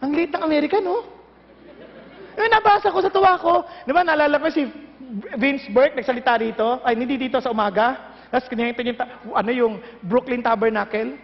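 A middle-aged man with a Filipino accent, preaching a lively sermon and acting out little dialogues. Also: extremely high pitch, brisk, a faint crowd. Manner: animated, mixes Tagalog and English, acts out dialogues. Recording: dull echoey hall recording.

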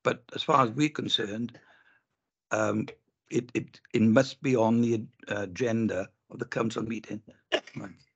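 A councillor presses his point firmly, his voice gravelly and rough. The sound comes through dull and muffled, as if from a chamber microphone. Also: fairly low pitch, steady tone, a little slow. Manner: firm and insistent. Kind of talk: formal meeting debate.

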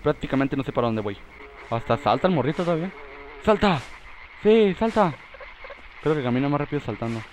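A young man giving excitable let's play commentary, often yelling in panic at the game. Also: medium pitch, racing, a little hiss or hum, poor audio. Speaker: gamer.

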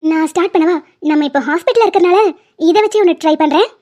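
A woman's voice: extremely high pitch, fast, a little mellow. A woman voicing a young woman patient in a cartoon drama, teasing and chatty as she jokes with her family before surgery. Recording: dull lo-fi sound.

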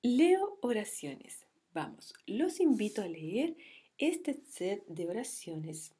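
A woman teaches young children to read, speaking very slowly and praising them as she goes. Her voice is soft-toned and a little husky. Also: medium pitch, sing-song. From Chile. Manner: praising, encouraging pupils. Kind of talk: slow classroom reading drill.

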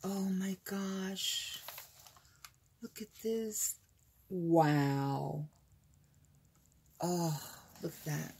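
A woman's voice: deep voice, warm tone, breathy edge. A woman hosting a craft unboxing vlog, gushing and exclaiming over each item she shows. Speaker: craft channel host.

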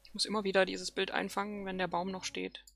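A woman's voice: medium pitch, flat delivery, fast, creaky, fairly bright tone. A woman giving casual gameplay commentary as a let's play host.

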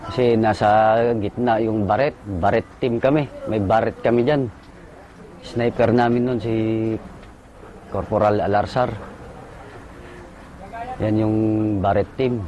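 Soldier guy telling his war story, dark mellow voice, choppy bits, faint outdoor noise behind. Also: on the low side, fairly even intonation, low-quality recording. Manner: halting short bursts, soldier's jargon. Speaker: soldier recounting combat. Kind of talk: casual spoken recollection.

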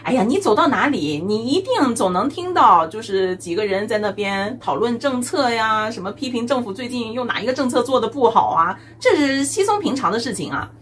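Brief: a woman vlogger, high-voiced and teasing, with a chatty comic monologue and frequent laughs. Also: very animated, brisk, few pauses, slight background noise. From mainland China. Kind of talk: comedic monologue to camera.

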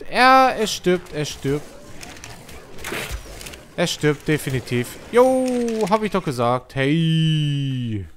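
Excitable man doing let's play commentary. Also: medium pitch, a little hiss or hum. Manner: excitable, talks to the game creatures. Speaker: gaming streamer.

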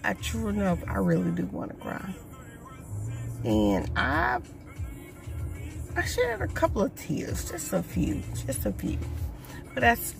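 A woman's voice: fairly low pitch, vocal fry. A woman sharing her daily thoughts in a casual, rambling video diary, earnest and encouraging, with lots of fillers. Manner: rambling and unhurried, many fillers. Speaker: vlogger. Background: radio playing in the background.

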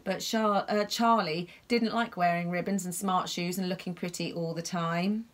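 Expressive woman reading a bedtime story. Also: lowish voice, normal speed. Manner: expressive, gasping, asks the listener questions about the pictures. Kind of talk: bedtime story read aloud to children.

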